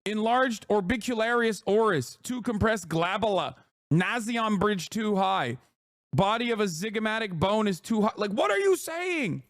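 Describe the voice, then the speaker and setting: High-voiced, emphatic streamer man. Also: expressive, moderate pace, a bit bright, no echo, studio quality. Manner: emphatic, profane, laughs often. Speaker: streamer and political commentator. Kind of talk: casual reaction commentary.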